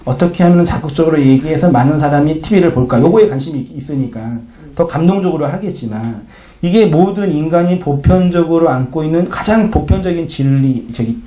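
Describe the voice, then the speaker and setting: A man's voice: fairly high pitch, brisk, warm tone. A male pastor preaching in a conversational way, often questioning the congregation and acting out short quoted lines. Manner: acts out short quoted lines in changing voices. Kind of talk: sermon.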